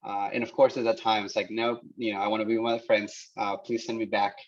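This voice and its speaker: A man in his thirties from El Salvador, whose first language is Spanish, talks as a guest engineer on a video call, halting, with many restarts and fillers. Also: fairly low pitch, level tone. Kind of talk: casual talk on a video call. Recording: dull lo-fi call audio.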